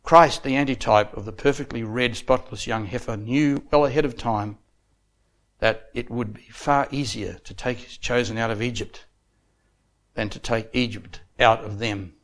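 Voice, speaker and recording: A male preacher reading scripture and delivering a sermon, rising to loud emphatic phrases and dropping back low. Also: steady tone. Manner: builds to loud emphatic peaks, then drops low and soft; reads scripture aloud in measured cadence.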